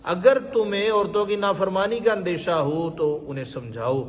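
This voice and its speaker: A man teaching a Quran commentary lecture. He recites Arabic verses and explains them with emphatic, rising stress on key points. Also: sits high. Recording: long reverb with faint background noise.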